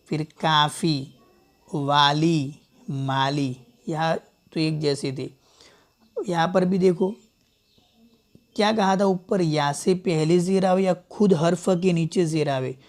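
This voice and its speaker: Slow, patient male language teacher. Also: fairly high pitch, darkish tone. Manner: patient, drills sounds by contrasting wrong and right pronunciation; repeats words slowly for learners. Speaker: Urdu teacher. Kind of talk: online language lesson. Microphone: small clip-on mic.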